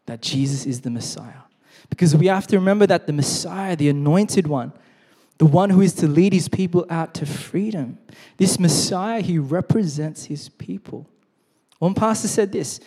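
Man, pastor, earnest sermon, mellow tone, long hall reverb. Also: fairly high pitch, husky. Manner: earnest, with repeated phrases and slow, stressed reading of scripture. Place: church hall.

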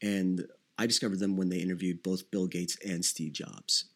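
A man's voice: low voice, little pitch movement, moderate pace. A man in his thirties from the Philippines hosting his podcast alone, answering listener questions in a conversational way with many fillers and restarts. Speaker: podcast host. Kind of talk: solo podcast Q&A.

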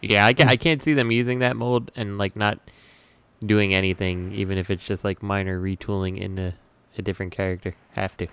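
A man's voice: lowish voice, steady tone, fairly quick, a bit bright, smooth. A man teasing his friends in a casual chat about toy collecting. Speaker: podcast co-host.

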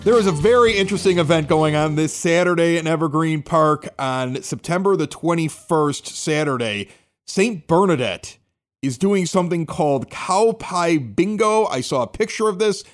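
A man's voice: on the high side, normal speed, soft background music. A man hosting a local talk show, chatting casually and joking with his guests. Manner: animated, joking, rambling. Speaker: host.

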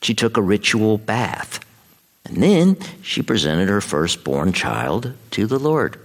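Deep, creaky-voiced American priest. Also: male voice, sing-song. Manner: solemn, measured liturgical delivery. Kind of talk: Mass scripture readings and homily.

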